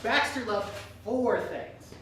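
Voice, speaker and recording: Slow and mid-range, the voice belongs to someone performing comic fairytales live for an audience, reading scripted narration with theatrical flair and regular asides and laughter. The room echoes, the mic sits far off, and background noise comes through.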